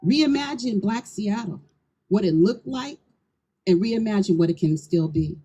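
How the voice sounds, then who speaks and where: A middle-aged woman speaks earnestly at an outdoor ceremony and calls on the crowd to respond. Her voice is warm and relaxed, with a touch of breathiness, and it sits at an average pitch. She speaks into a handheld microphone. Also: unhurried, husky, poor audio. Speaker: community land trust leader. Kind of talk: public speech at an outdoor event.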